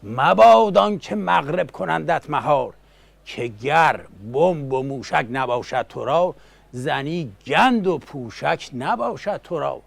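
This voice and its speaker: Vicious warmongering demon courtier played by a male storyteller, creaky, highish voice, bombastic rhymed teahouse-epic declamation. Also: expressive, no room sound, exaggerated voice. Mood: bombastic warning.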